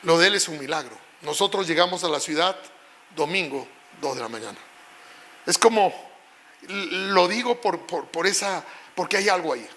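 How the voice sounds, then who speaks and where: A middle-aged male pastor preaching an emotional sermon, telling a personal story and rising at times to shouts. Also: fairly high pitch, lively intonation, normal speed.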